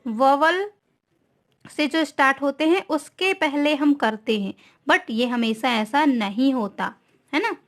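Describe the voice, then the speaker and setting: A woman's voice: sits high, a bit bright. A woman teacher giving a grammar lesson, asking questions and answering them herself. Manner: slow, asks and answers own questions.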